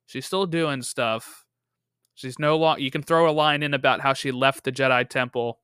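Bright, crisp-voiced young man chatting. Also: steady tone, moderate pace, dry recording, clean studio sound. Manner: rambling, filler-heavy pitching of ideas. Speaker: podcast host. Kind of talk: casual podcast chat.

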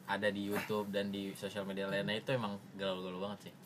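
A man's voice: on the low side, completely flat delivery, fast talker. A man with a Jakarta accent talking casually as a host on a group podcast. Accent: Jakarta Indonesian. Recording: noisy room background.

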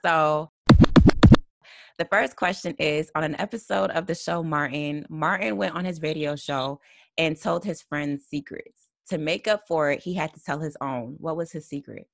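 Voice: medium pitch, moderate pace, vocal fry, a bit bright, dry recording. A young adult podcast host who talks in an upbeat, giggly, conversational way while running the interview. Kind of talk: casual interview chat.

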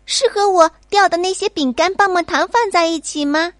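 A woman voicing a small, easily frightened child in a bedtime storybook, with a high pleading voice. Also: moderate pace, fairly bright tone, no echo, clean studio sound. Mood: curious. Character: small scared little child, whiny.

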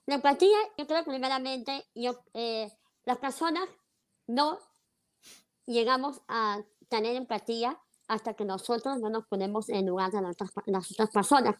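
A woman's voice: on the high side, moderate pace. A woman co-hosting a talk show, explaining her view in a hesitant way with many fillers as she thinks aloud. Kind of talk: conversational talk show discussion.

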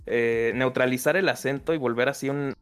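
A man's voice: mid-range voice, fairly even intonation, moderate pace, clean tone, soft background music. Chatty young Mexican man, laughing often. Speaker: podcast host. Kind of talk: casual chat.

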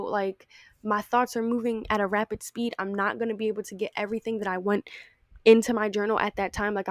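A woman's voice: mid-range voice, dry recording, studio quality. A young woman hosting a casual solo podcast, chatty and playful, with many asides and a lot of "like". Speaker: podcast host.

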